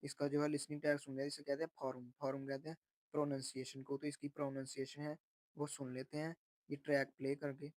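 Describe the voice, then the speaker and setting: A man teaching a textbook lesson, slowly repeating each phrase and then explaining what it means. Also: a little high, monotone, dry recording. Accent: Urdu-Hindi speaker. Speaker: Korean language teacher.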